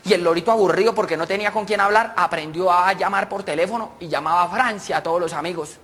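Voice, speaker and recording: A man telling jokes on a radio comedy segment, in a lively, chatty storytelling manner. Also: sits high, fast talker. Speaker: joke teller.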